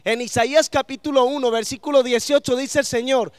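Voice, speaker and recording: A man's voice: very high-pitched, fairly even intonation, brisk, smooth, no echo, clean studio sound. A man preaching a sermon to a congregation in church, asking them questions and letting them answer.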